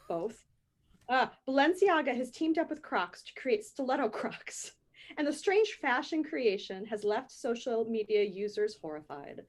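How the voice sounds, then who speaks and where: Lady cohost, chatty and jokey, bit high pitched. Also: very animated, measured pace. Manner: playful, ranting, laughs often. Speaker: podcast co-host. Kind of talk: casual chat, reading a news article aloud.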